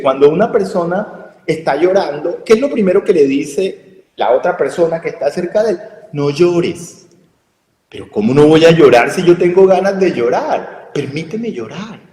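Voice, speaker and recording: A man's voice: a little high, sing-song, moderate pace, a little mellow. A man with a Colombian Spanish accent, giving an explanatory radio talk on health communication and often asking rhetorical questions. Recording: echoey room with long reverb.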